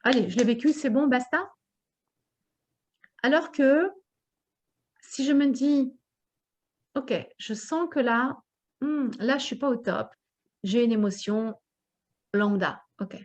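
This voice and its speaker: A woman's voice: sits high, slow, pauses often, a little mellow. A woman coach leading a group session, talking expressively and acting out her inner voice. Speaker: personal development coach.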